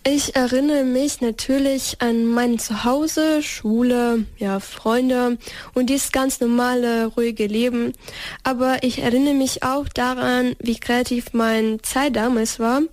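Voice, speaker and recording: A teenage girl from Ukraine answers interview questions. Her voice sits fairly high, and the sound is close and dry. She hesitates often and restarts her sentences. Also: steady tone, slow, darkish tone, no room sound. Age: teens. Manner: hesitant, many fillers and restarts. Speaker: interview guest.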